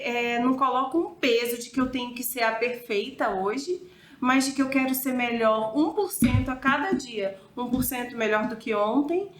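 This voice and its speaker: A woman, a mother and wife, speaking thoughtfully as a guest in a casual chat, searching for words. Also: sits high. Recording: echoey room.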